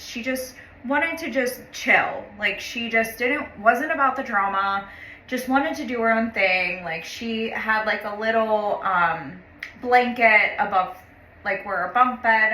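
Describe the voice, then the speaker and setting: A woman's voice: mid-range voice, pushed and bright, slight background noise. A woman telling a personal story in a chatty, casual way, full of "like" and swearing, blunt and exasperated about people. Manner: chatty, heavy use of "like", frequent swearing; blunt and exasperated when describing others. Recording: roomy echo.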